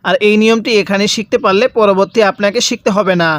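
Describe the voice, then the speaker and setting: A man teaching Quran reading step by step, drawing out each word slowly and asking the learner to repeat after him. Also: high voice, steady tone, fairly bright tone, dry recording, clean studio sound. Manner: slow, drawn-out recitation of each word, then repeats it for the learner. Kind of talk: step-by-step recitation lesson.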